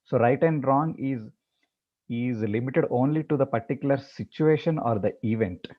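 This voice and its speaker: Man, meditation teacher, halting and repetitive, mid-pitched voice, slightly muffled lo-fi sound. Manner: halting, repeats words with many fillers. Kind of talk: talk before guided meditation.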